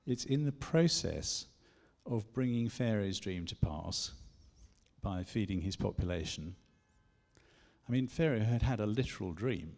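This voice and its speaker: A man's voice: lowish voice, animated, measured pace, creaky, a little mellow. A man from England giving a chatty conference talk with lots of self-deprecating asides. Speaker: conference speaker. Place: church hall. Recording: long echo of a church hall.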